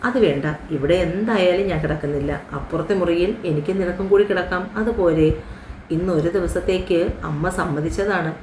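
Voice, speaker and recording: A woman's voice: on the low side, fairly quick, a little mellow, close to an everyday voice. Woman reading as playful young woman friend, confiding, faint background hum. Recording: roomy home recording.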